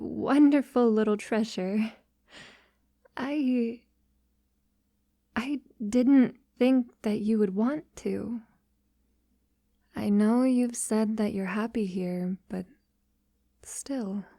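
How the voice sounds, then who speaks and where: A woman plays a refined, devoted female vampire in a romantic ASMR audio roleplay, speaking to her lover with formal tenderness. Her dark, velvety voice sits on the high side, recorded very close and dry, and her soft, slow, breathy delivery often slips into whispers. She sounds moved and adoring.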